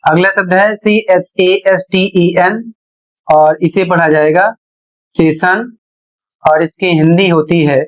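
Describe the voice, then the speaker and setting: Slow, deliberate male teacher. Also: sits high, fairly even intonation, low-quality recording. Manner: slow, deliberate, pausing between short phrases. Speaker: English teacher. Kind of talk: classroom-style explanation, spelling words letter by letter.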